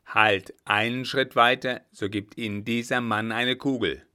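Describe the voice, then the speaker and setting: A man's voice: medium pitch, steady tone, a little slow, sharp tone, no room sound, studio quality. A man reading aloud, voicing a cold-blooded, unyielding army captain interrogating a prisoner. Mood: cold firm.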